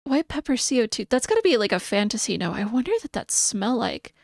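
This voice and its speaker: A woman's voice: a little high, big pitch swings, brisk, no room sound, studio quality. A woman live streamer chatting casually and thinking aloud as she reads through notes, sometimes mumbling. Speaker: VTuber streamer.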